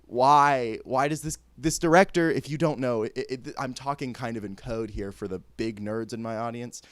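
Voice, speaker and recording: Man in a casual review vlog, mid-pitched, close dry sound, jokey and frank. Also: normal speed, fairly bright tone, no echo. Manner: candid and jokey, laughs mid-sentence, stumbles and restarts. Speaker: vlogger reviewing theater shows. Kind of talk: casual opinionated chat.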